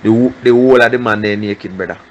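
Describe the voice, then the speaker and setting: A man's voice: fairly even intonation, fast talker, highs cut off, slight background noise. A man with a Jamaican accent, heard as a recorded voice message being played back, giving an informal witness account and often calling the listener brother. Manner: low-key, repetitive, keeps addressing the listener as brother.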